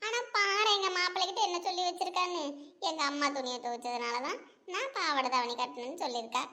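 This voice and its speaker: A woman's voice: very high-pitched, quick pace, bright, forceful tone. A woman voicing a confused, frightened middle-aged mother-in-law in a cartoon, whiny and pleading. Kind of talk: cartoon voice acting.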